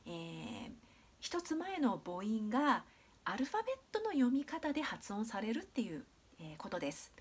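In a video lesson, a Japanese woman teaches English pronunciation with patience and clarity. Her voice sits fairly high and swings hugely in pitch as she slowly demonstrates sounds, drawing out many fillers.

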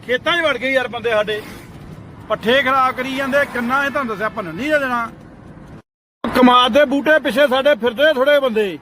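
A very high-pitched man rants loudly outside, warning strangers off his sugarcane. He barks repeated orders to clear off, half comic and half threatening. Traffic and road noise sit clearly under his voice. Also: fairly quick. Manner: loud, scolding and threatening, with repeated shouted commands. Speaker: farmer guarding his sugarcane field. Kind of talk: comic outdoor rant to camera. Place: outdoors by a road near fields. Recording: noisy outdoor roadside recording.

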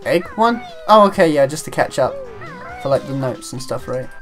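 A man's voice: mid-range voice, very animated, moderate pace, a bit bright, faint music behind. A man guiding a friend through a game in casual chat, giggly and encouraging. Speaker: guide on a co-op playthrough.

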